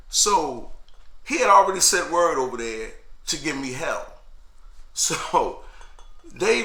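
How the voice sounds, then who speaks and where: A man telling his prison story in a sit-down conversation, profane and animated, acting out the voices of the people in it. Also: a little high. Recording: echoey room.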